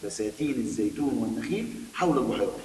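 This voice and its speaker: A man's voice: medium pitch, lively intonation, a little mellow. Egyptian man teaching children, echoey room. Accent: Egyptian Arabic. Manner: reads text slowly, then explains quickly to children. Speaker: primary school Arabic teacher. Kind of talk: recorded classroom lesson. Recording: echoey room, distant mic, faint hiss.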